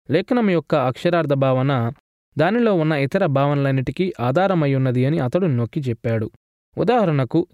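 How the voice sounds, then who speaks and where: A man giving a scripted theology lecture in a measured, formal reading style. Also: on the high side, darkish tone, no room sound, clean studio sound.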